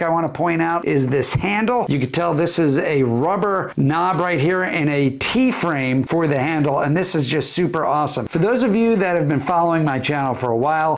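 A young man hosting his fishing channel, giving an enthusiastic gear review and repeating words for emphasis. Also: on the high side.

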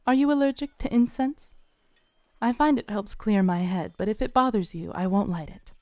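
Speaking at a moderate pace and medium pitch, a young woman takes the role of a fair's fortune teller in scripted roleplay audio. She's close to the mic, smooth-voiced, softly coaxing and gently teasing, with no audible room.

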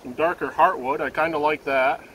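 A man in his thirties hosting a woodworking channel, talking casually outdoors in a sawmill yard, relaxed and rambling, restarting words as he goes. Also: a little high, moderate pace, a little hiss or hum. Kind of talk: casual outdoor workshop commentary.

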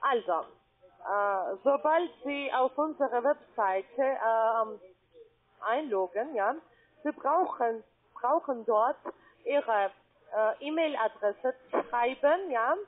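A woman, working as a cold-call adviser, halting and often checking for agreement. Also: on the high side, animated. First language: not German. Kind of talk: scripted sales phone call. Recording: muffled narrow phone line.

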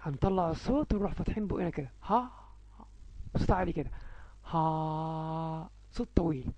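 رجل بلهجة مصرية يشرح درسًا في الصوتيات الإنجليزية لأطفال صغار، ويمدّ أصوات الحروف ببطء. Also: male voice, sits high, animated, mellow, slightly rough, muffled recording. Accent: Egyptian Arabic. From Egypt. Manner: slow, drawn-out sounding of letters. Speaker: English teacher for young children. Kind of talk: phonics lesson.

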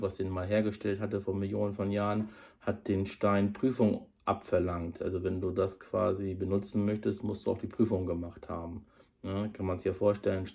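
A man in his thirties with a cold reviews audio dramas, talking casually to a device camera at close range. He's in a small indoor room under a sloped roof, rambling with many fillers, in a low, slightly mellow voice.

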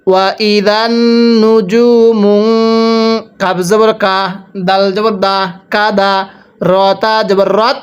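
A man from Bangladesh teaching Quran reading in a recitation spelling lesson. He spells each syllable slowly and has listeners repeat after him. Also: high voice, flat delivery, clean tone, soft background music.

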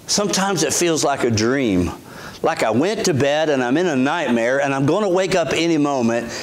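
A man's voice: on the high side, animated, moderate pace. A middle-aged man, a pastor giving a sermon in a church sanctuary on a lapel mic, speaking earnestly in a conversational way with frequent restarts.

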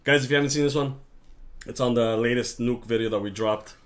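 A man co-hosting a live reaction stream, chatting casually and excitably with slang while he talks to viewers. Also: medium pitch, brisk.

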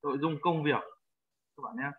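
Man, language teacher, patient, repeats words for learners, fairly high voice, dull lo-fi sound. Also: fairly even intonation, moderate pace. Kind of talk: language lesson.

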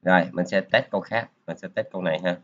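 A man talks through a screen-recorded coding lesson in a relaxed, chatty way, peppering his steps with filler particles. His voice sits very low. The sound is muffled and lo-fi, like a basic computer microphone. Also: fast. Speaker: programming teacher.

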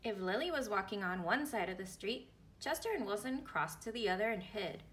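Bright, animated woman reading a storybook. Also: medium pitch, brisk. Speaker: read-aloud storyteller. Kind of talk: expressive picture-book reading for children.

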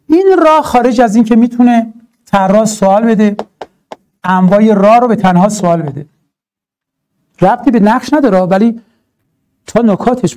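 A man with a high-sitting voice teaches an exam-prep grammar lesson. He's animated and emphatic, drawing out stressed words and adding rhetorical asides.

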